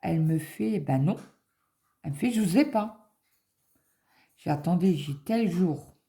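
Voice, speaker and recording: A woman's voice: fairly low pitch, lively intonation, measured pace, creaky, warm tone. A middle-aged woman chatting casually on a vlog, rambling with many fillers as she acts out a conversation. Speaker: vlogger. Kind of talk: casual chat, retelling an appointment.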